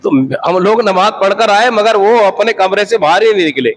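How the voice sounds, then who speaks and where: A man's voice: high voice, normal speed, a little hiss or hum, rough recording. A man preaching an Islamic sermon, emphatic and repetitive, asking the audience rhetorical questions. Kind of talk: sermon lecture.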